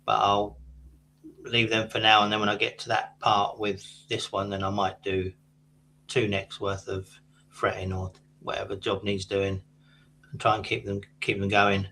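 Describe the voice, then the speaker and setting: A man's voice: on the low side, bright, forceful tone. A man casually explaining the steps of his guitar build. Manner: explains his work step by step. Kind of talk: casual chat. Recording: faint hum.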